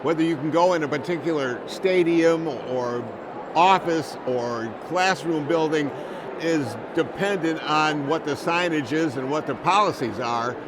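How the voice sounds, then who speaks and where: A male reporter with a higher-pitched voice talks through the news without a script. He is measured and a little halting, with clear noise around him in a public building. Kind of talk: unscripted news discussion. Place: noisy capitol building. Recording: noisy hall, loud waterfall-like din.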